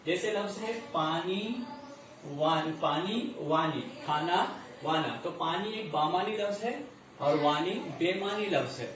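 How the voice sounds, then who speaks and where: A man with a fairly high voice teaching a grammar lesson. He goes over each term slowly and answers his own questions. The recording is muffled, echoey and distant, with faint room noise behind him. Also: animated.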